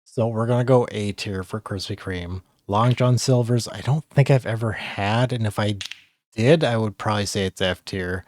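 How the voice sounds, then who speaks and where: A man's voice: fairly low pitch, normal speed, darkish tone, a little hiss or hum. A man from the United States chatting casually as a host, giving blunt opinions and swearing freely. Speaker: host of a tier-list discussion. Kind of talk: casual chat, ranking fast food.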